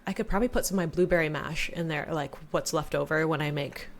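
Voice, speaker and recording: Low-voiced woman co-hosting a chatty podcast. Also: fast. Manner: chatty, lots of "like" fillers. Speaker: podcast co-host. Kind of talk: casual chat.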